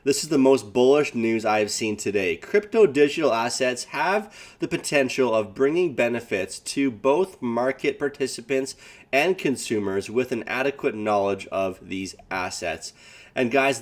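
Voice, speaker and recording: A man hosting his own channel, talking casually with hype while reading news and quotes aloud. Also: mid-range voice. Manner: hyped, repeats "guys", reads quotes aloud. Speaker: crypto channel host.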